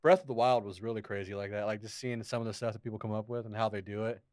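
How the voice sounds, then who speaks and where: A man's voice: on the low side, steady tone, rapid-fire, a little mellow, dry recording, studio quality. A man co-hosting a casual gaming podcast, making jokes and short quips. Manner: jokey, laughs often, short quips. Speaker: podcast co-host. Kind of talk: casual chat.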